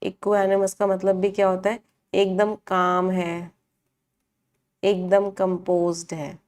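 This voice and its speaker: A woman's voice: lowish voice, a little mellow. A woman teaching English vocabulary in a live online class, asking the class questions, answering them herself and repeating each meaning.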